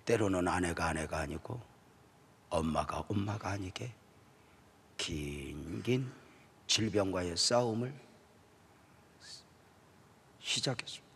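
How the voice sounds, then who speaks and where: A middle-aged man preaching a sermon as a pastor, telling a story with strong emotion and moving between hushed passages and rising, emphatic ones. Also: sits low, slow, gravelly, long pauses, slightly rough. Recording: long church-hall reverb.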